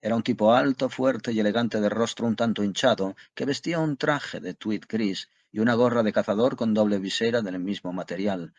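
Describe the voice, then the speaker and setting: Low husky male narrator, measured storybook reading, dry close sound. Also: no room sound, highs cut off. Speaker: audiobook narrator. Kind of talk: scripted narration.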